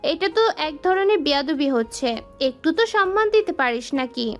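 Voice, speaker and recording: A woman's voice: sits high, expressive, brisk. A woman playing a young wife who explains things and reproaches her sister in an audio drama. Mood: reproachful. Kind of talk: Bengali audio love-story drama.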